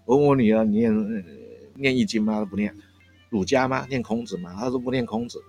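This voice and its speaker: A man's voice: on the low side, brisk, darkish tone, faint music behind. A man, a café owner telling family stories in a casual interview, chuckling often between phrases. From Taiwan. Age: 60s. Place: countryside coffee shop. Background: faint jazz from shop speakers.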